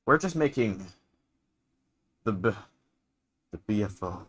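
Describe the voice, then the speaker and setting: A young man chatting casually with a friend, full of jokes and quick laughs. He pokes fun at himself and keeps the tone loose and playful. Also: lowish voice, expressive, a bit bright, a little hiss or hum. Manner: jokey, laughs often, self-deprecating. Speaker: animator co-hosting a chat. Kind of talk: casual chat.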